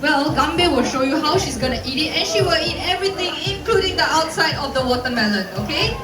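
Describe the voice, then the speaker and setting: A woman's voice: high-pitched, animated, fast, recorded from a distance. A cheery, playful woman with a Singaporean accent, presenting a live zookeeper talk to an audience and coaxing them to join in. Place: open-air covered viewing stand at zoo. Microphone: handheld PA mic, filmed from audience. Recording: echoey PA speakers, recorded from afar, music behind.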